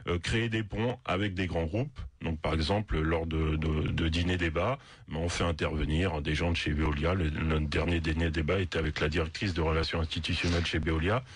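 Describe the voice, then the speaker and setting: A man's voice: rumbling low, fairly even intonation, a little fast, hardly any pauses, slightly rough, no echo. A man from the French overseas regions speaking earnestly as a guest on a radio business show, often restarting his phrases. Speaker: business network founder, guest. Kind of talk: radio interview.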